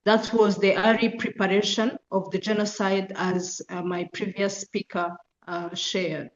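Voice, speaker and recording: In an echoey university lecture room, a middle-aged Eastern Rwandan guest lecturer shares her testimony as a genocide survivor and deputy director of a foundation. Her mid-range voice moves little in pitch, and her slow delivery is halting, measured and deliberate. The muffled recording carries a little hiss or hum.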